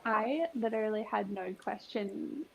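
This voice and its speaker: A woman's voice: mid-range voice, unhurried, vocal fry, slightly rough, low-quality recording. A woman in her twenties co-hosting a podcast, talking candidly and casually with frequent agreeing responses. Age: 20s. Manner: candid, frank, eager backchannels. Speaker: podcast co-host. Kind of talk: casual chat.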